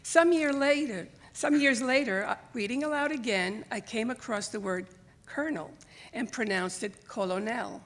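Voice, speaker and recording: Before a live audience in a library theater, an older woman reads a personal essay she wrote, speaking at a normal speed in a fairly high voice. She emigrated from Greece to the United States as a child and grew up speaking Greek or Italian, and she delivers her story expressively, acting out recalled conversations.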